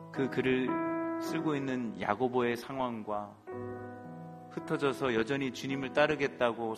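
A man preaching a sermon as pastor, earnestly speaking straight to his congregation. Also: mid-range voice. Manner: earnest, addresses the congregation directly. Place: church sanctuary. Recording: long reverb in a large hall, with faint music.

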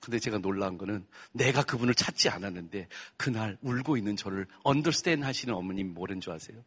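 A man from Korea preaching a sermon testimony, telling his story with strong emotion and sudden loud outbursts. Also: lowish voice, fast, breathy edge.

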